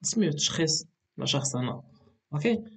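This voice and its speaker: A man's voice: a little high, animated, fast talker, creaky, breathy edge. A man with a Moroccan accent teaching an exam revision lesson, explaining patiently and checking in with frequent "ok".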